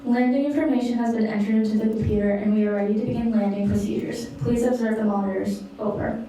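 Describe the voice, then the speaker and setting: Mellow woman on a sci-fi communicator intercom. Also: fairly high pitch, steady tone, quick pace. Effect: heard over an intercom speaker in a sci-fi mission role-play. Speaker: spacecraft comm officer in a class simulation. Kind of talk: formal radio protocol, signing off with "over". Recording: echoey intercom sound from far off with faint noise.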